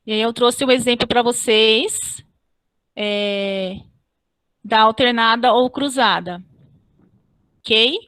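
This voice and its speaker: A woman teacher giving an online class. She explains step by step, spells out syllables slowly and keeps checking with "ok?". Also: a little high, a bit bright, dry recording. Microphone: computer mic on a video call.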